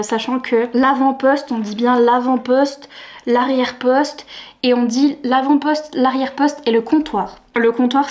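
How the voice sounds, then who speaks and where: A young woman book vlogger chatting casually to camera, animated, laughing often and mocking awkward word choices. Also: a little high.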